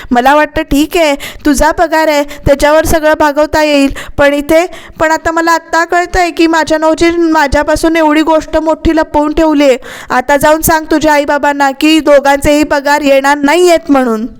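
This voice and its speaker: Woman voicing an angry young wife, high pitch, accusing, shouting. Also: level tone, close to an everyday voice. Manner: furious, accusing, rapid outbursts.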